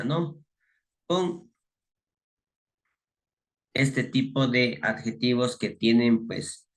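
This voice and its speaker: Male teacher, unhurried, patiently spelling out rules. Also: mid-range voice. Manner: slow, methodical, repeats rules step by step. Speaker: English teacher. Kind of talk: slow classroom explanation.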